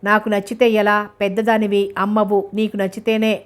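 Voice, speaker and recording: A woman's voice: mid-range voice, level tone, normal speed, close to an everyday voice. A woman voicing a busy elder brother who talks in a hasty, bustling way, read out in a novel narration. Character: busy elder brother arranging his sister's match.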